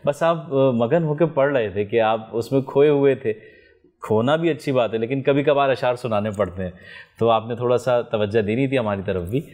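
A man's voice: mid-range voice, normal speed, a little mellow. A man judging a recitation contest, giving encouraging advice to a young performer. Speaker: competition judge.

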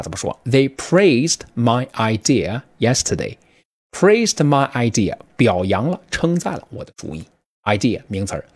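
Male teacher, animated delivery, quizzes students in a quick vocab lesson. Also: a little high, breathy edge. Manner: lively, addresses students directly with quick questions. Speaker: English teacher.

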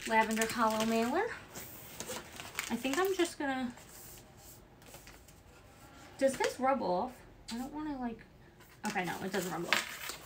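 Packing orders as a livestream co-host, a woman with a Bronx Italian-American accent chats casually, reading orders and viewer comments aloud in a slightly high voice. She goes a little slowly and leaves long pauses, while a small office supplies constant background noise and clicks.

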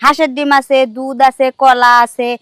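A young woman playing a scheming young woman who talks briskly and gives orders. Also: high voice, little pitch movement, fairly bright tone, no room sound, studio quality. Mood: sly. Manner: brisk, sly and commanding. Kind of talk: comedy TV play acting.

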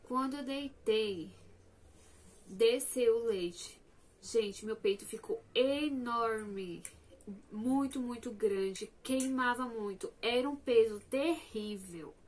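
A young woman vlogger chatting casually to her viewers, telling a personal story in an animated, talkative way. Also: fairly high pitch, takes it slowly.

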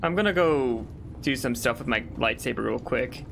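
Young male let's-play host, mid-pitched, gravelly edges, casual self-talk over game music. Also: normal speed, noisy background. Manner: relaxed, talks to himself as he plays. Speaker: gaming channel host.

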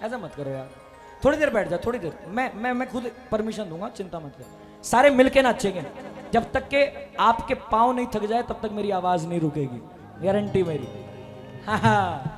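A man, a bhajan singer leading a live devotional crowd, energetic and chatty as he coaxes people to call back and bursts into shouts on a stage mic. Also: extremely high pitch. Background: devotional band music.

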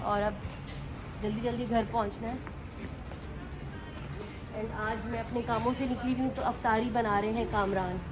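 A woman's voice: fairly high pitch, fairly even intonation, moderate pace, pauses often, over music, rough recording. A young woman chatting casually in a vlog, mixing Hindi and English, filmed on a handheld phone inside a large store. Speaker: vlogger. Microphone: phone held at arm's length.

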